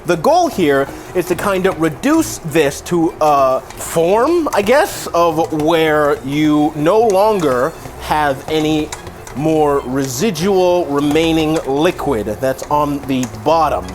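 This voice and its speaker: Man, somewhat high voice, tipsy, jokey cooking host, wry asides, light kitchen noise. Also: very animated, slow. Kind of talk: casual cooking tutorial. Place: home kitchen. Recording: sizzling pan and kitchen noise. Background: frying sizzle.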